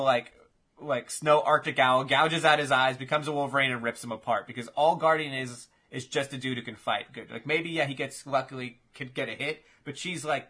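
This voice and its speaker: A man hosting a casual chat, telling imagined fight matchups in an animated, swearing play-by-play. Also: mid-range voice, husky.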